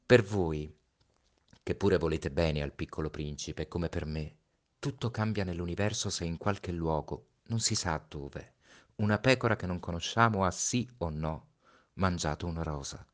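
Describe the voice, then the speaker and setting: A man reading a story aloud, slow and reflective with hushed pauses. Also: deep voice. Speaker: storybook reader. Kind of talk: read-aloud story narration.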